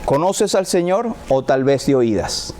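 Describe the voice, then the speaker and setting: A male pastor with a high-pitched voice delivers a sermon. He preaches with feeling and acts out quoted prayers, his pitch swinging up and down as he speaks. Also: sing-song, measured pace, warm tone, slight background noise.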